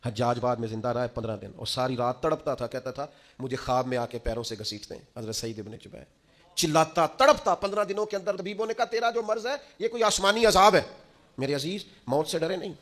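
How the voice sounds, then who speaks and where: A man preaching a sermon with a Pakistani accent, telling stories in a hushed voice and then rising into loud exhortation. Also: mid-range voice. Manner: impassioned, swings between hushed storytelling and loud exhortation. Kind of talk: Urdu sermon storytelling.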